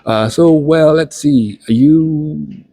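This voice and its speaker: Indoors at a university building, a fellow student acts as an unscripted interviewer, chatting casually through anecdotes and acting out small quoted asides. His voice is on the high side, slow, warm and husky, with no room sound.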